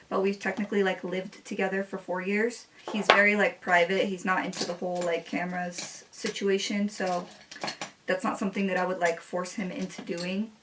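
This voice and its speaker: While doing her makeup at home, a relaxed young Spanish-speaking woman in her twenties chats easily about her life, her sentences full of "like." Her voice rests at an ordinary middle pitch, and the camera mic, set a little away, catches background noise.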